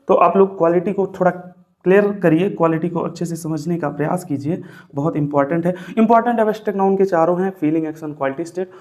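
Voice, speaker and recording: A man's voice: on the high side, darkish tone. A man teaching English grammar in a classroom style, dictating notes and coaxing viewers with repeated questions, mixing English terms into his talk. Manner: repetitive, coaxing, addresses viewers as brother and sir; dictates notes, tells viewers to write things down.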